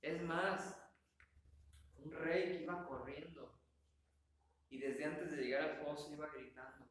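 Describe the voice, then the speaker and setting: A pastor preaching slowly, in a fairly high voice. He talks in a conversational way, asks his listeners rhetorical questions and acts out the scenes himself. His voice booms around a very echoey hall over a faint hiss. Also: steady tone, a bit bright. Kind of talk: sermon.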